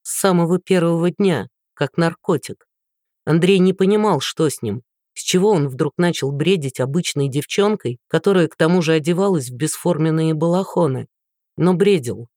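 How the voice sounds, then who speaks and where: A woman narrating a romance novel in an even, matter-of-fact storytelling voice. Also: sits low, normal speed, no room sound, studio quality. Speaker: audiobook narrator. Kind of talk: scripted narration.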